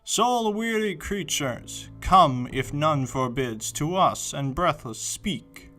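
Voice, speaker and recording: A man's voice: a little high, animated, slow, sharp tone, full character voice. A man playing an awed, pitying poet pilgrim in a dramatic verse reading, with theatrical, pleading delivery. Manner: theatrical, impassioned stage-actor pleading. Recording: reverberant hall sound under music.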